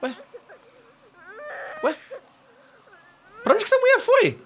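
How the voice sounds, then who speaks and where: A Brazilian man giving excitable, slangy let's play commentary as a gaming youtuber. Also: very high voice, slow, creaky, slight background noise. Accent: Brazilian Portuguese.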